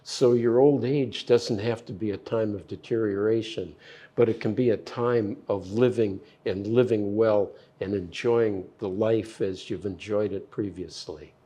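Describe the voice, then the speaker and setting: An older man, a physician, giving slow, measured explanations of health science with plain analogies in an interview. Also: fairly low pitch, steady tone, mellow, slightly rough. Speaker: physician guest.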